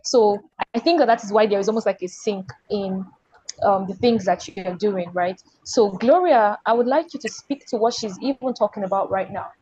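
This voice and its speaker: A woman's voice: medium pitch, normal speed, dark tone, breathy edge, no echo, dull audio. A woman hosting an online panel over a video call, circling back and restarting her questions. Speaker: panel host.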